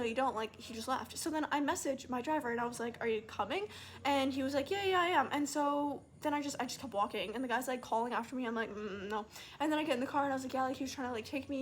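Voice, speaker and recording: A woman's voice: sits high, slight background noise. A young woman telling a story in a casual vlog, chatty and full of "like" fillers. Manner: chatty, fast, lots of "like" fillers. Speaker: vlogger.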